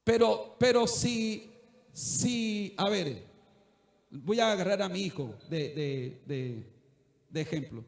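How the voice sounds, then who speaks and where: A man's voice: high-pitched, animated, takes it slowly, creaky, long pauses. A middle-aged male pastor preaching a sermon earnestly, at times rising to fervent exhortation. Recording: echoey church room.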